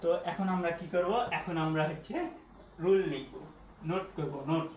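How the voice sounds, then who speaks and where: A man's voice: on the high side, measured pace, a little mellow. Echoey male teacher explaining at a whiteboard. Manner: repeats and spells out words, asks the viewer questions. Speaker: English teacher. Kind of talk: classroom-style lesson at a whiteboard. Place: classroom or room with a whiteboard. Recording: echoey room with faint background hum.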